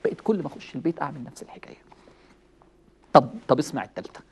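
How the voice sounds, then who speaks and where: Egyptian guy preaching fast, animated storyteller, chuckles a lot. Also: fairly high pitch, husky. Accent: Egyptian Arabic. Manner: animated, chuckling, acts out quoted lines. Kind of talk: lively religious talk with storytelling.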